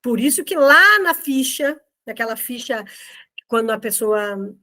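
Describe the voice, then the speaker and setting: A woman with a high voice that swings widely up and down, teaching a group. She speaks bluntly and with strong emphasis, never softening her point. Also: unhurried. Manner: very direct, expressive, emphatic. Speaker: therapy course instructor. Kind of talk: teaching a group review session.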